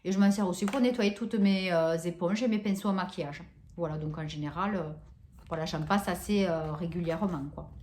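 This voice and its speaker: A woman's voice: lowish voice, fairly quick, darkish tone. A woman chatting casually through a shopping haul, hesitant with many fillers and restarts, gushing over scents. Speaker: vlogger showing a shopping haul. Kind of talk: casual haul vlog chat. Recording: echoey room.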